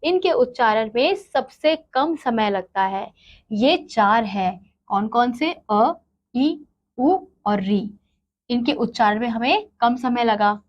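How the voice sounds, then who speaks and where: A woman's voice: a little high, dull audio. A woman teaching a grammar lesson, asking questions and answering them herself. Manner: slow, asks and answers her own questions.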